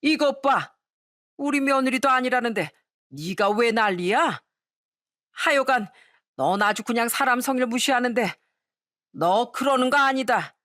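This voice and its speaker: A woman's voice: fairly high pitch, expressive, a little slow, pauses often, fairly bright tone, dry recording, studio quality. A woman voicing a drunk, blunt older father-in-law who rambles and scolds, in a storytelling radio style. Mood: tipsy grumbling.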